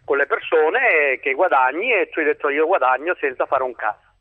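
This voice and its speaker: A man's voice: on the high side, expressive, normal speed, breathy edge, dry recording. Male caller, earnest and preachy, dry tinny phone line. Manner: earnest, moralizing. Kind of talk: phone-in complaint. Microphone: telephone.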